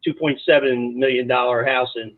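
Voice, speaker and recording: A man from South Jersey, a college soccer coach, telling lively stories as a guest with lots of restarts. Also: mid-range voice, normal speed, no room sound. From South Jersey, USA. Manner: animated, rambling anecdotes with many restarts. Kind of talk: casual storytelling interview. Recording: dry, tinny phone-like line.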